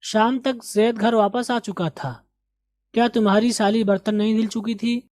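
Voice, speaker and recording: A man teaching an English lesson, patiently repeating words and sentences slowly for pronunciation practice. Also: sits high, fairly even intonation, darkish tone, dry recording. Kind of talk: recorded language lesson.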